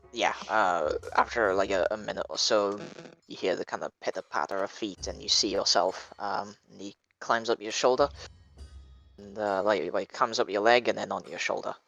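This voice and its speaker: A man's voice: lowish voice, measured pace, vocal fry, fairly bright tone, highs cut off, faint music behind. A man narrating a tabletop game as dungeon master, hesitant and full of fillers.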